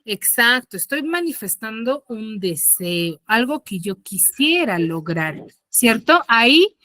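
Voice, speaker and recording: A woman's voice: fairly high pitch, sing-song, slow pace, pushed and bright, no room sound. Patient woman teacher on a video call. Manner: patient, asks pupils frequent check-in questions. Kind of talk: online grammar lesson.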